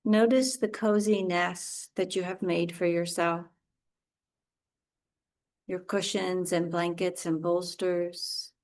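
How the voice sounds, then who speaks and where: A woman teaching yoga talks listeners through relaxation very slowly, in a voice pitched a little low. She speaks in short, soothing phrases with gaps in between.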